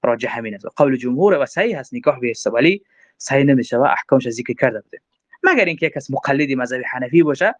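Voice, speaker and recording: A man's voice: mid-range voice, no room sound. A man gives a religious law lecture, reading Arabic lines and explaining them with rhetorical questions. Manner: reads Arabic text aloud, then explains with rhetorical questions. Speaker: religious teacher. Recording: dull, lo-fi dry recording.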